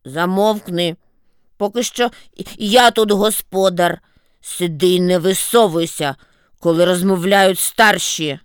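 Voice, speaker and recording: A woman voicing a grumpy, bossy old male snowdrift with a low grumbling voice, rude and scolding. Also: takes it slowly, smooth, no echo, clean studio sound.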